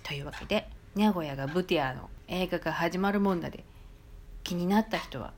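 A woman from Nagoya with a Nagoya accent, chatting casually on her own podcast with lots of soft fillers. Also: lowish voice, a little fast, a little hiss or hum. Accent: Nagoya dialect. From Nagoya, Japan. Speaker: podcast host. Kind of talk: casual solo chat.

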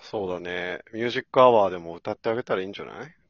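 A man co-hosting a casual chat podcast, throwing in quick joking quips and laughing often. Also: low-pitched, no room sound, highs cut off. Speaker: podcast co-host.

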